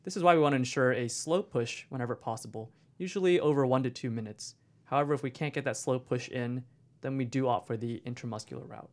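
A man's voice: mid-range voice, quick pace. A man co-hosting a medical podcast, explaining scripted educational material to peers in a corporate training video manner.

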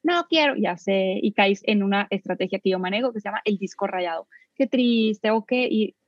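A woman's voice: medium pitch, little pitch movement, brisk, no room sound, dull audio. A woman, a parenting expert speaking as a guest, who animatedly acts out talks between parents and children. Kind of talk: guest in a casual interview.

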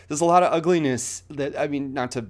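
A man's voice: fairly high pitch, fairly quick. A man hosting an interview, speaking passionately and repeating phrases as he builds his point. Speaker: podcast host. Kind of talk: conversational interview.

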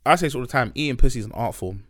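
A man's voice: medium pitch, animated, very fast, fairly bright tone. A man with a London accent talking candidly and casually on a podcast, full of slang and repeated emphasis. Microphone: podcast microphone.

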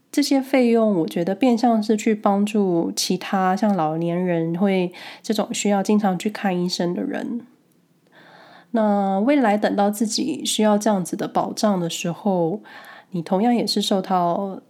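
A woman with a Taiwanese Mandarin accent talks in a relaxed, mellow voice at a middle pitch. Her sound is noticeably nasal, as though her nose is stuffed up with a cold. She tells personal stories casually and reflectively, like a podcast host chatting to listeners.

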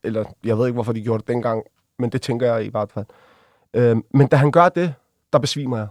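Man telling a story with lively quoting. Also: medium pitch, dry recording, clean studio sound. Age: adult. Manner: vivid, acts out quoted voices while retelling; halting restarts, fillers. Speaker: interview guest. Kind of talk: casual storytelling in an interview.

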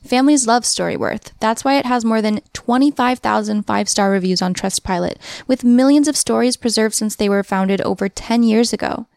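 A woman's voice: fairly high pitch, a little fast, vocal fry, few pauses, a little mellow, dry recording, clean studio sound. A woman podcast host reading a scripted sponsor ad in a polished, personal way. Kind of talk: scripted ad read.

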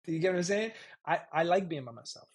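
A man's voice: on the high side, lively intonation, fast, slightly rough. A middle-aged man, a chef and restaurant owner, speaking frankly and sarcastically as a podcast guest, often repeating himself and laughing. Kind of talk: candid conversational interview.

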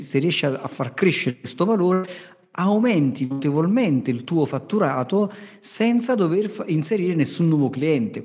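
A man's voice: mid-range voice, a little mellow, husky. A man hosting a podcast, explaining things conversationally to listeners and emphatically repeating his key phrases. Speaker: podcast host. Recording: long reverberant hall echo.

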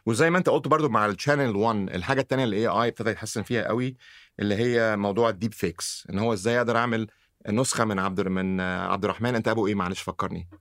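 A man's voice: lowish voice, racing, a bit bright, dry recording, studio quality. A man with an Egyptian Arabic accent, a podcast guest in casual conversation, laughing often and mixing in English phrases. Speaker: guest, tech company founder.

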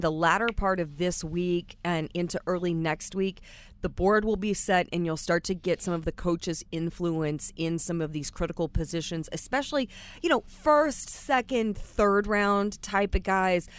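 A woman from Kentucky with a Southern accent, co-hosting a sports podcast in a measured, analytical way. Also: fairly low pitch. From Louisville, Kentucky. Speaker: podcast co-host. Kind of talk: casual sports podcast chat.

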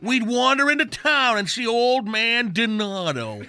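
A man's voice: very high voice, lively intonation, measured pace, pushed and bright, slight background noise, exaggerated voice. A man playing a grumbling, cantankerous old man in a rambling, folksy comic radio monologue about the old days. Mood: gleefully ranting. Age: older. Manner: crotchety, rambling, folksy mock-nostalgic storytelling.

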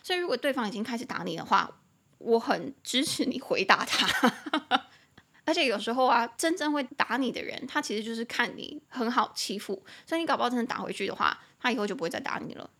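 A woman with a Taiwanese Mandarin accent hosting a bilingual English lesson podcast, chatty and opinionated, spelling words out slowly letter by letter. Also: fairly high pitch, lively intonation, gravelly, a bit bright, slightly rough. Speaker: English teacher and podcast host.

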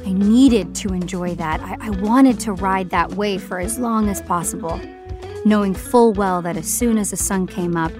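An actress playing a young female singer in a video game, narrating her story in first person with soft emotion. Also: mid-range voice, moderate pace, music in the background, natural voice. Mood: reflective. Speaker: narrator and lead character.

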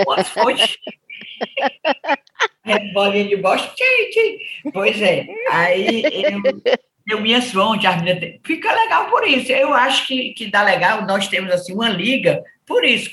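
A woman's voice: medium pitch, unhurried, roomy sound. A woman from Ceará with a Northeast Brazilian accent, a political journalist chatting as a podcast guest and telling stories, acting out the voices of people she quotes. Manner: animated storyteller, acts out quoted voices. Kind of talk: casual chat.

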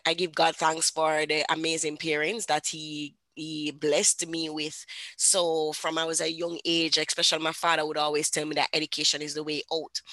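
A woman's voice: sits low, no echo. A woman from Jamaica with a Jamaican accent, a guest author telling her life story with lots of fillers. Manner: warm storytelling, many fillers. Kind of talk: casual interview talk.

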